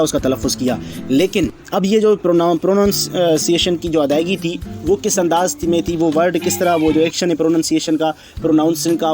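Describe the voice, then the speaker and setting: A man teaching English grammar, slow and repetitive, asking himself questions and answering them. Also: on the high side. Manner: slow, repetitive explaining with fillers and rhetorical questions. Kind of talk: explanatory lesson.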